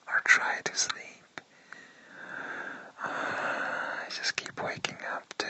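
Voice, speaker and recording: A man speaking in a slow, breathy whisper, murmuring intimately to a listener as in a roleplay recording. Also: sharp tone, poor audio.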